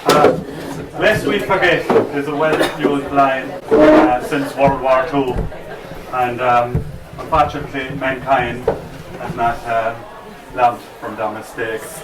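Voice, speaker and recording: A noisy, echoey bar recording picks up an Irish man some way from the microphone. He performs live spoken word as a storyteller, with a measured, dramatic delivery and a mid-pitched voice. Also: far from the mic. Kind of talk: live spoken-word recitation at an open mic. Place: bar open-mic night, distant microphone.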